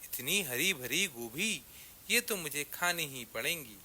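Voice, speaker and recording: A man's voice: a little high, expressive, a little slow, bright, forceful tone, slight background noise, full character voice. A man voicing a greedy, good-natured female goat who loves food in a children's story. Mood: cheerful. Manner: easygoing and food-loving.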